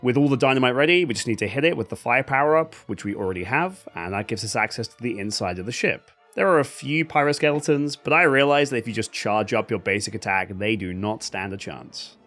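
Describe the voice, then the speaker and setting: A man's voice: mid-range voice, a little fast, few pauses, faint music behind. A man giving sarcastic, comedic voice-over commentary on a video game he has played through. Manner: wry, sarcastic, animated, laughs at the game. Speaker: gaming video host.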